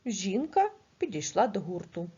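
A woman teacher reading a grammar lesson aloud, measured and slow over the example sentences. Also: medium pitch, very animated, dark tone, breathy edge, lo-fi sound.

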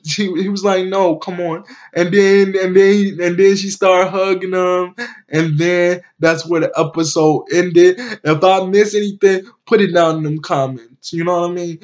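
A man's voice: sits high, dull audio. A man casually recapping a TV episode, rambling with restarts and slang as he retells scenes. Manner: rambling retelling with many restarts and "he was like" quotes; slow-paced, colloquial, relaxed slang.

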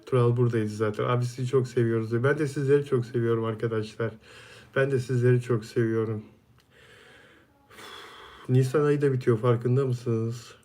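A man's voice: medium pitch, fairly even intonation, moderate pace, pauses often, a little mellow. A man hosting a casual live stream, reading viewer comments aloud and answering each viewer by name in a friendly, chatty way.

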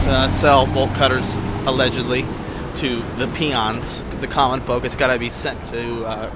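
A man in his thirties talks into a handheld camera at arm's length in a dry, sarcastic way. His voice sits in a middle register, and loud street traffic runs behind him. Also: mid-range voice. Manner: sarcastic, wry running commentary. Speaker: vlogger on a road trip. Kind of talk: casual vlog narration to camera. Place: city streets outdoors, later inside a truck cab at night. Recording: noisy street and traffic background.

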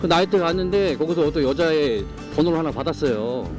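A man's voice: on the high side, a little fast, over music. Middle-aged man slurring slightly through loose dentures. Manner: blunt, grumbling, slangy banter. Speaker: vlog host. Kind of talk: casual walking-tour vlog commentary.

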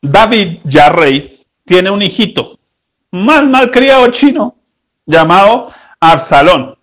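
A man, preaching a sermon as pastor, full of rhetorical questions and mocking asides, with sudden shifts between fast and slow delivery. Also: sits high, expressive, a bit bright. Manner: mocking, acts out the people in his stories.

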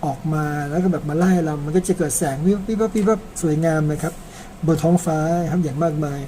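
A man's voice: fairly high pitch, fast, dark tone, slight background noise. A man from Thailand narrating an old epic in a chatty, casual way, tagging his sentences with polite particles and slipping in personal asides. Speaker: storyteller.

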